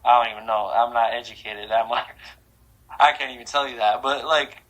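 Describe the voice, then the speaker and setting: A man from Croatia, a guest in a casual rapid-fire this-or-that interview, talking in an animated, slangy way with lots of "bro" and "like". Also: mid-range voice, rough recording.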